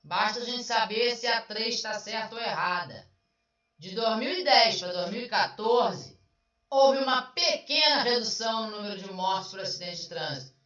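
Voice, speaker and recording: A woman teacher goes through exam answers step by step, chatty and questioning. Her voice is bright and keen. It sounds dull and far from the mic, in a very echoey room. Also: medium pitch. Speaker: Portuguese language teacher. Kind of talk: online exam review lesson. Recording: roomy, distant, dull sound.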